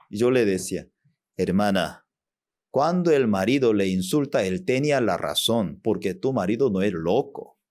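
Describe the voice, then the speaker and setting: A man's voice: medium pitch, a little mellow. A man preaching a sermon as pastor, in with broken grammar, acting out short quoted voices of mothers and children. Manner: non-native Spanish with broken grammar.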